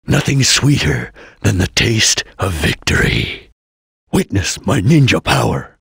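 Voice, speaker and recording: A man's voice: sits low, gravelly, husky, dry recording, clean studio sound, full character voice. A man playing a stern, disciplined ninja chameleon in a video game, speaking in solemn, formal, clipped declarations. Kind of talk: video game character voice acting.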